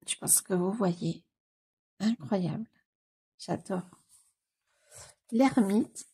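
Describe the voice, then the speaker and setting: A coloring book YouTuber with a cold leafs through a book, commenting slowly and casually. Her mid-range voice is very husky, gravelly-edged, dark and mellow. She gushes over what she sees, repeats her delight, and often hesitates on fillers.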